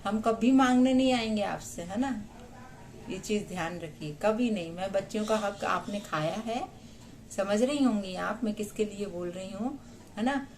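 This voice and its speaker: A woman's voice: medium pitch, moderate pace, a little mellow. A woman in her thirties from India, talking straight to her viewers in an indignant, emphatic monologue full of rhetorical tag questions. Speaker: vlogger. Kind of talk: personal vlog monologue.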